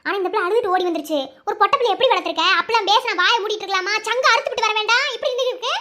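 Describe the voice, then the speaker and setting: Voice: very high-pitched, racing, bright, forceful tone, pitched below the performer's own voice. Scolding village auntie put on by a voice actor, madurai accent, indignant, cartoon. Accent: Madurai Tamil. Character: blunt older village woman neighbor. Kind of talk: cartoon voice acting.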